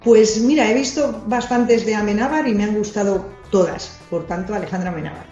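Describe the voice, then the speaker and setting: This woman is a physician and science communicator from Madrid, Spain, responding to quiz questions with chatty candor and self-deprecating humor. She speaks fairly quickly in a mellow, mid-range voice over soft music. The audio is lo-fi, dull and roomy.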